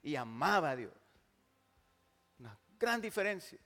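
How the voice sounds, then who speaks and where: A Mexican pastor in his 60s preaches a sermon in a high-pitched voice, very animated, swinging from loud, forceful declarations to quiet, slow, drawn-out phrases. His voice rings out in a large church hall with a long echo.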